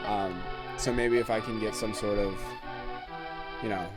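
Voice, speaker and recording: A man's voice: on the low side, steady tone, measured pace. A man in his twenties giving casual gameplay commentary at home, rambling with lots of ums and uhs. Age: 20s. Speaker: let's play host. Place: at home during quarantine. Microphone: webcam setup. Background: game music.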